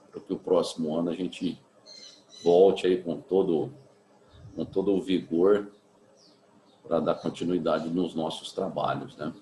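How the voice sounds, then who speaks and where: A man with a Brazilian Portuguese accent, a physics teacher giving a remote class in a relaxed, chatty way, full of tag questions. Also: deep voice, reverberant, a little hiss or hum, poor audio. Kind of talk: remote class, casual chat.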